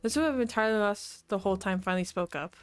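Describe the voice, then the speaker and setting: A woman's voice: medium pitch, fast talker, faint music behind. A woman streamer reading a visual novel aloud with commentary, giggling often between lines.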